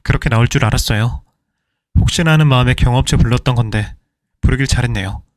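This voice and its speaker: A man's voice: mid-range voice, fast talker, no room sound, lightly acted. A man playing a young groom who speaks curtly and coldly dismissive to an older woman. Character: cold, insolent young groom.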